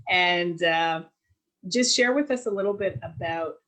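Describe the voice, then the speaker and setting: A woman's voice: on the low side, unhurried, fairly bright tone, low-quality recording. A woman hosting an interview, who encourages her guest and sums up his story in a casual way. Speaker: host.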